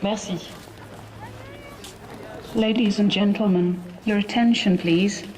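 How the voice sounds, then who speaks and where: A woman making a formal boarding announcement over a public address loudspeaker. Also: medium pitch, steady tone, slow pace. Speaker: announcer at a staged protest ceremony. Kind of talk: mock airport boarding announcement.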